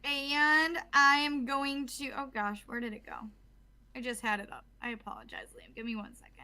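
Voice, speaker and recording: A woman's voice: sits high, little pitch movement, moderate pace, sharp tone. A woman chatting casually as a player in a tabletop game. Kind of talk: casual chat.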